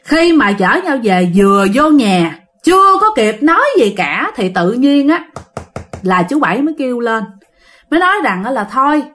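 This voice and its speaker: High-voiced Southern Vietnamese woman storyteller. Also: sing-song, moderate pace, a bit bright. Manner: chatty, addresses listeners directly, many fillers. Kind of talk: casual ghost-story narration.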